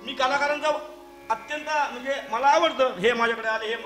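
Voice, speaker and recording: A man's voice: very high-pitched, a little fast, faint music behind. A man from Maharashtra leading a kirtan, telling funny stories as a sermon, chuckling and speaking straight to his listeners in a temple hall. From Maharashtra, India. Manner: lively storyteller who addresses the audience directly and chuckles at his own jokes. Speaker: kirtan preacher. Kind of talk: humorous storytelling sermon. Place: temple hall, performing live before listeners.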